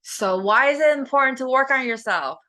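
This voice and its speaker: A woman's voice: sits high, fairly quick, pushed and bright. A woman hosting a self-help talk, speaking earnestly and emphatically about self-acceptance. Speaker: host, life coach.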